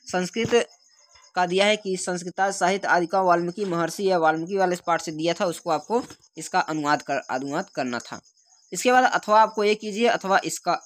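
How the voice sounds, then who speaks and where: A teacher working through an exam paper, reading each question and then repeating the answer as a quick quiz. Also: medium pitch, fairly bright tone. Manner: unscripted, with restarts and filler sounds. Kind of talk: exam paper walkthrough lesson.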